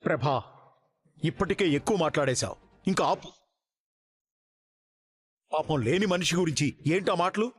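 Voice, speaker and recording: Older father-in-law, husky voice, fairly high pitch, TV serial drama. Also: normal speed, pauses often. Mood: stern. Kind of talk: TV serial acting.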